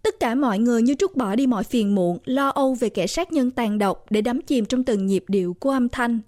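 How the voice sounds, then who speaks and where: A woman narrating a ghost story aloud, steady and expressive as she moves through the scenes. Her voice sits notably high. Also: a little fast, no room sound, studio quality. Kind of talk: scripted horror story narration.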